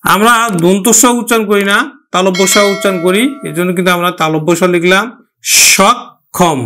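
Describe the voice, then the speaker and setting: A man's voice: high-pitched, quick pace, bright, forceful tone, soft background music. A man teaching a pronunciation lesson, who explains step by step and repeats each example word several times.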